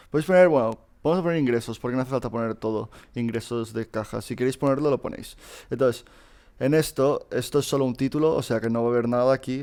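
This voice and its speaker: This teacher's voice is mid-range, gravelly and somewhat dark, recorded cleanly. Working through an old exam in a relaxed screen-capture lesson, he talks straight to students, full of "eh" sounds, fillers and false starts.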